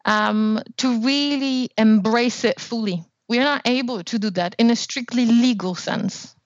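A woman's voice: a little high, unhurried, dry recording. Woman co-hosting an academic podcast, lo-fi. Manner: thoughtful, hedging with "right?" and "you know". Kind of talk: casual academic discussion.

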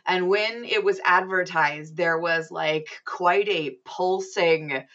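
A woman's voice: fairly low pitch, takes it slowly, fairly bright tone, lo-fi sound. A woman hosting a casual gaming podcast, chatty and upbeat with frequent ums. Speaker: podcast host.

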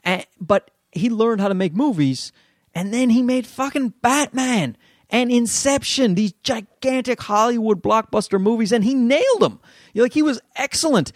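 A man with a Newfoundland accent and a noticeably high voice, recorded close and dry. He hosts a casual solo podcast, rambling along in a self-deprecating, sweary way. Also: lively intonation, moderate pace, no room sound. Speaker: podcast host and amateur comedian.

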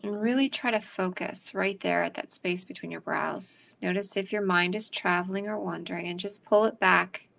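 A woman guiding a meditation in a slow, calm, soothing way, pausing between phrases. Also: lowish voice, vocal fry. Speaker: meditation guide. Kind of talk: guided meditation.

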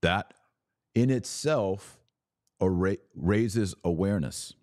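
Taking it slowly, a man with a very low, slightly mellow voice reviews a film on his podcast as an earnest monologue, hitting his key words hard. The recording is dry and close to the mic, without echo.

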